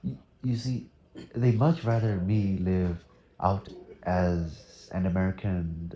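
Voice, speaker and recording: A man's voice: sits low, fairly even intonation, takes it slowly, warm tone, roomy sound, lo-fi sound. A teenage boy from Thailand answering interview questions casually, hesitant with many fillers. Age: teens.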